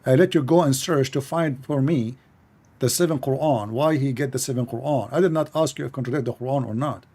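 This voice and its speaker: A dark-toned man with a medium pitch speaks a little fast while hosting a heated call-in debate show. Arabic is his first language, and his English is non-native. He presses callers with repeated, insistent questions.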